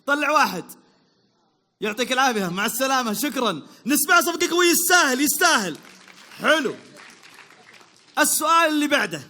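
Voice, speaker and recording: Saudi guy hosting a crowd quiz, really bright sharp voice, upbeat and teasing. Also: very high voice, big pitch swings, brisk, pauses often. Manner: upbeat, teasing, repeats praise and calls to the crowd. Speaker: quiz host at a public event.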